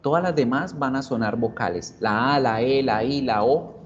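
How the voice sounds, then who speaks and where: A man teaching a beginner English class online, patiently explaining and repeating words slowly for his students. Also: medium pitch. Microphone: computer mic on video call. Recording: dull audio with faint noise.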